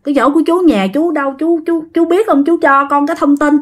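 A woman voicing a patient young man, talking in a gentle, reassuring way. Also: high-pitched, fairly even intonation, quick pace, pitched above the performer's own voice, natural voice. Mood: pleading. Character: patient young man soothing his friend.

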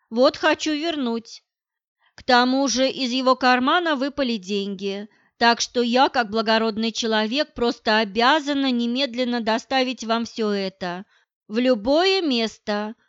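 A woman's voice: a little high, clean tone, dry recording, highs cut off, close to an everyday voice. A woman reading the lines of a confident, coquettish young woman in an audiobook, in a sweet, coaxing manner.

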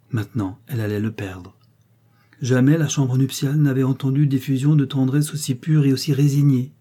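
A man narrating a novel as an audiobook, with a steady, expressive literary reading. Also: mid-range voice.

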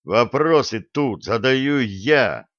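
A man's voice: mid-range voice, animated, takes it slowly, fairly bright tone, no room sound. A man reading an audiobook, voicing a harried, short-tempered young starship captain who barks orders. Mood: exasperated. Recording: dull dry close recording.

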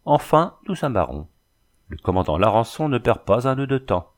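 A man reading an adventure novel aloud with a lively, dramatic delivery. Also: mid-range voice, moderate pace. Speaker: audiobook reader. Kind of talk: storybook narration.

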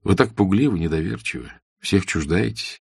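A man's voice: low voice, normal speed, creaky, a little mellow, slightly rough, no echo, clean studio sound, full character voice. A man voicing a friendly, inquisitive young man in a classic novel audiobook, probing and earnest. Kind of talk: audiobook character reading.

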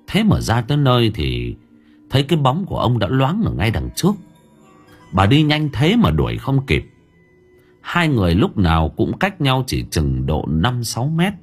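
A man narrating a spooky village story dramatically, dropping to hushed lines and rising again. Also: husky. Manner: dramatic, swinging between hushed low lines and raised ones. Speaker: audiobook narrator.

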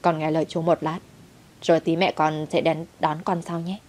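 A woman's voice: sits low, level tone, normal speed, a little mellow. A woman reading the lines of a lecherous older male guest in a spoken story, in a coaxing, wheedling way.

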